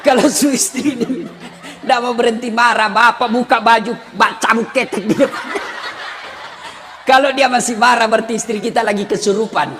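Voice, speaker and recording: A male preacher giving a humorous sermon, joking and often shouting to the congregation. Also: very high voice, steady tone, brisk, long reverb tail, noisy background.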